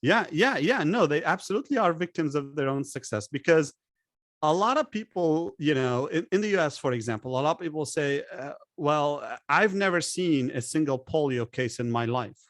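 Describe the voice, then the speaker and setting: A Lebanese man appears as a guest expert on public health in a conversational interview, pressing emphatic points and asking rhetorical questions. His voice is on the high side, expressive and fairly bright, at normal speed. The studio-quality recording is dry.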